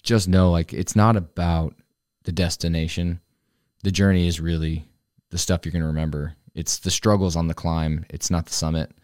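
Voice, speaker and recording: A man in his forties, a vlogger and fitness coach, talks alone to the camera about turning forty, earnest and rambling and often restarting sentences. His deep, smooth voice is a little mellow, with flat delivery at normal speed, recorded in studio quality with no echo.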